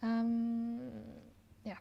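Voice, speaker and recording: A woman from Hong Kong, a pianist hosting a relaxed livestream Q&A from her apartment, who chats easily and trails off with ums and soft laughs. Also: fairly high pitch, drawn-out words, muffled recording, slight background noise. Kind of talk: casual livestream Q&A chat. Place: her apartment, at home with her piano.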